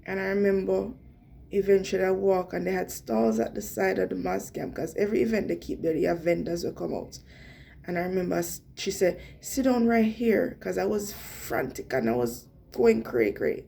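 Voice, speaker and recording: Jamaican woman with a gravelly, mellow voice. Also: fairly low pitch, normal speed, a little hiss or hum. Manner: earnest, animated retelling with quoted dialogue and Jamaican patois slips. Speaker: vlogger. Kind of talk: personal storytelling.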